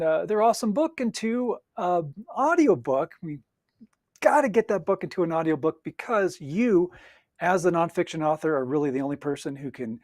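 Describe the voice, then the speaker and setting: Guy hosting a podcast, fairly high voice, stops and restarts a lot, dry close sound. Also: no echo. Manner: halting, many "uh" fillers and restarts. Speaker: podcast host. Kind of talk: casual interview hosting.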